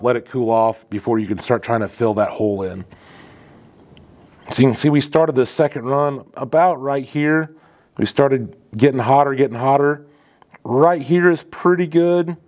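A man in his thirties, a welding instructor, talks casually through a demonstration in an indoor welding shop. His mid-range voice moves at normal speed and sounds a little mellow, and his delivery is loose and conversational, with frequent fillers.

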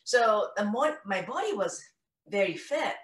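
Japanese lady in her 50s on a video call, animated, bright voice, echoey room, a bit far from the mic. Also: mid-range voice, unhurried. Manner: animated, gestures a lot, acts out what she recalls. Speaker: guest, founder of a face exercise method. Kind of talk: storytelling interview answer. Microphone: laptop webcam mic on a video call. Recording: roomy, slightly distant video call audio.

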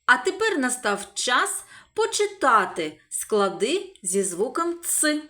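A woman teaching a remote literacy lesson to young children, sounding out syllables slowly and praising them as they go. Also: sits high, sing-song, pushed and bright. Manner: slow, drawn-out sounding out of syllables; praising and encouraging. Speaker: preschool teacher.

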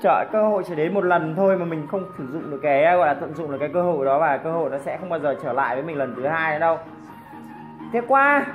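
A woman giving excited commentary over her own mobile game match, full of exclamations and teasing jabs at opponents. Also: low-pitched, quick pace, narrow, tinny audio, over music. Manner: exclamatory, teasing opponents, frequent cries of surprise. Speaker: gameplay commentator.

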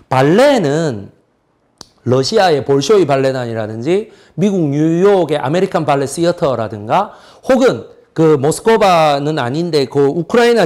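A middle-aged man lectures on history, tossing out rhetorical questions and then answering them himself. His voice sits high and swings up and down with a lot of energy. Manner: lively, asks and answers his own questions.

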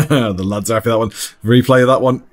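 A man giving relaxed, chatty commentary over an amateur football match, often laughing. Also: mid-range voice, a little fast, a faint crowd.

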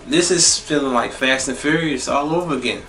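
A young man giving a casual spoiler movie review, profane and blunt, repeating phrases for emphasis and jumping into high exclaims. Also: moderate pace, distant mic, background noise. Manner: animated, jumps into high exclaims. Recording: roomy echo, a bit off-mic, faint music behind.

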